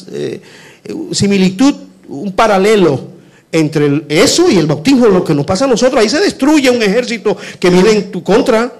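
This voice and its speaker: High-pitched animated male preacher. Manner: animated, rhetorical questions, swings from shouting to hushed. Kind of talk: sermon.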